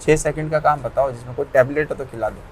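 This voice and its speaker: A man's voice: mid-range voice, steady tone, fast talker. A man, a yoga practitioner, talking emphatically in a casual interview, often repeating himself and asking rhetorical questions.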